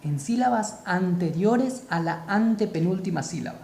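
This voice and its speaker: A man teaching a spoken grammar lesson, slow and deliberate, repeating key terms for emphasis. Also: high-pitched, animated, gravelly, darkish tone, echoey room, a little hiss or hum.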